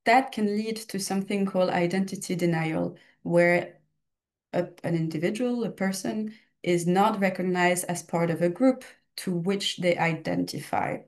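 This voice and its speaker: A young woman with a slight Belgian French accent gives a casual recorded study lecture as an exam tutor, packed with personal examples and self-corrections. Her voice is fairly low and darkish, with fairly even intonation and a moderate pace.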